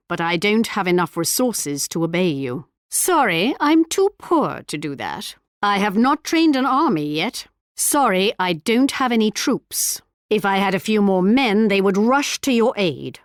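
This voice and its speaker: A woman's voice: mid-range voice, very animated, unhurried, no echo, studio quality. A woman playing a haughty, sly English queen in a video game, with a regal, arch and mock-polite manner. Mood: courteous. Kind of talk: video game character voice lines.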